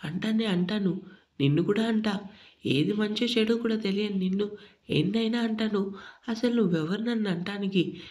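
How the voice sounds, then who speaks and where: A woman's voice: mid-range voice, moderate pace, a little mellow, natural voice. A woman voicing a short-tempered, possessive young husband with a harsh, threatening manner in a read-aloud story.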